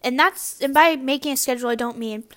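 A woman's voice: sits high, quick pace, bright, forceful tone. A young woman student chatting casually to camera, rambling with lots of fillers and restarts. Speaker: student vlogger.

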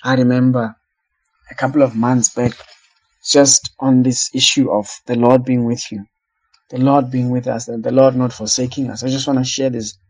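A man's voice: mid-range voice, warm tone, poor audio. A man from South Africa preaching a sermon, earnest and repeating phrases for emphasis.

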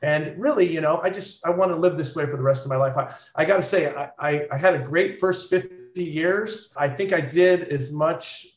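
A man's voice: on the high side, moderate pace, hardly any pauses, roomy sound. A man in his fifties, a guest on a podcast, talking in an earnest, upbeat, reflective way in casual conversation. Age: 50s. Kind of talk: casual interview chat.

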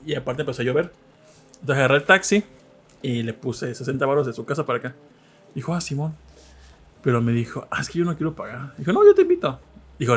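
A man's voice: medium pitch, husky. A man with a Mexican accent, hosting a casual podcast chat and telling stories while acting out the people he quotes. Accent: Mexican Spanish. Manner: animated storyteller, acts out quoted voices. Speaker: podcast host.

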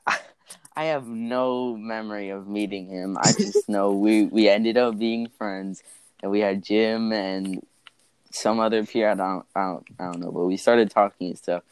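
Laid-back teen guy, smooth low voice. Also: steady tone, a little slow, poor audio. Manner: laid-back, laughs often. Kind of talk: casual chat among friends. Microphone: online voice call.

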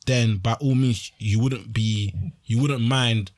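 A man's voice: medium pitch, steady tone, slow. A young man with a London accent in casual podcast chat, slangy and emphatic, often repeating his phrases. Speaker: podcast panelist.

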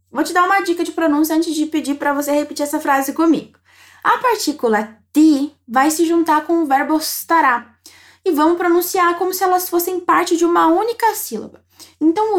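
High-voiced woman teaching Italian. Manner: encouraging, models phrases slowly for repetition. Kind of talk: language lesson narration.

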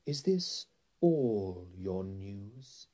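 A man voicing a cruel, imperious witch queen in a storybook, with drawn-out, threatening delivery. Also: fairly low pitch, big pitch swings, warm tone, full character voice. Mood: icy. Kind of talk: storybook character voice.

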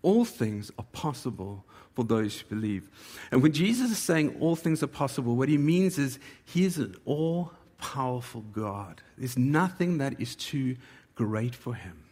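A man preaching a sermon with a slightly husky voice, talking in a loose conversational way and acting out quoted voices. His voice rings out with a long reverb, as if from the floor of a large hall. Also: mid-range voice, sing-song, measured pace, a little mellow. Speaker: pastor.

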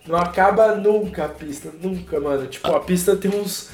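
A man's voice: high-pitched, moderate pace, a little mellow. A young man with a Brazilian Portuguese accent, chatting casually as a podcast co-host. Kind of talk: casual chat. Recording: roomy echo on the voice.

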